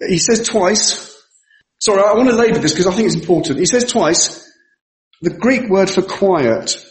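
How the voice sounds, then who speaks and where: A man preaches a sermon in a church, laying out his explanations emphatically and circling back to repeat the points he cares about. His voice sits high and moves a great deal in pitch. The sound is very reverberant, like a large hall. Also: a little mellow. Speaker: pastor.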